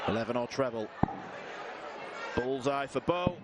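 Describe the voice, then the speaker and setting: Male darts commentator over loud noise. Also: medium pitch, lively intonation, a little slow, over a noisy crowd. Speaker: sports commentator. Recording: very noisy venue background.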